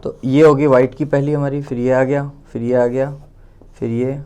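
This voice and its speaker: A man's voice: medium pitch, level tone, normal speed, mellow, clean tone. A man with an Indian accent teaching a casual music theory lesson, thinking aloud, counting out steps one by one and correcting himself as he writes. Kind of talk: casual explanatory lesson while writing.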